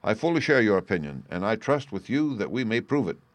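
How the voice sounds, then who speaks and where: A man voicing a shrewd gentleman detective in a storybook, brisk, courteous and probing with quiet authority. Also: fairly low pitch, sing-song, no echo, voice pushed up.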